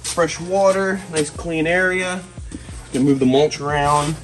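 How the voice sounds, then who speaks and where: A man's voice: a little high, measured pace, fairly bright tone, low-quality recording. A man in his twenties hosting a casual vlog as he handles animals, talking in an enthusiastic, exclamatory and playful way. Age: 20s. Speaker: host, snake keeper. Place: large metal-walled reptile room with concrete floor.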